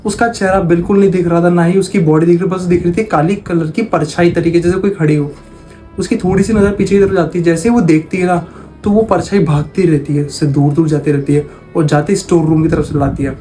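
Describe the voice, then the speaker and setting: A man's voice: on the high side, fairly even intonation, a little fast, dark tone, soft background music. A man casually telling a horror story, talking in a conversational way and repeating phrases for emphasis.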